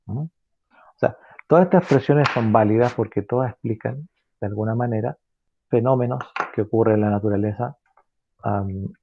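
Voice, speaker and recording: A man teaches an online physics lesson step by step, halting often with fillers, self-corrections, and tag questions to make sure the class is following. His mid-range voice is creaky, and the audio is dull with background noise.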